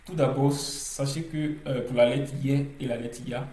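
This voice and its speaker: A male teacher walks through pronunciation rules at an unhurried pace, pausing often on hesitations and repeating each example word to drill it. His voice is mellow and soft-edged. The recording carries a noticeable room echo. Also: mid-range voice, steady tone. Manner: slow and deliberate, many hesitations, repeats words to drill them. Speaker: language teacher.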